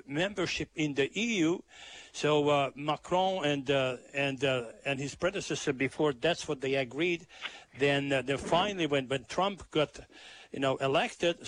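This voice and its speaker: A man speaking as a radio guest in an unscripted political discussion, halting, repeating himself and often checking in as he goes. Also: a little high.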